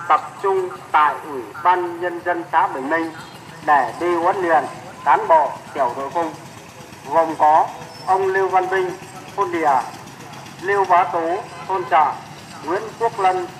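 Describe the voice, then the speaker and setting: A man reading an official announcement as a local radio announcer, formal and measured as he reads out names and places. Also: high voice, fairly bright tone, roomy sound, slight background noise, rough recording. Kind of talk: official public announcement read aloud.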